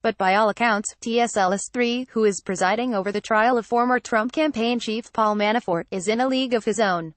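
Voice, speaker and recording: A woman narrating a news roundup in a steady, scripted read-aloud delivery. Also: fairly high pitch, brisk, hardly any pauses, no room sound.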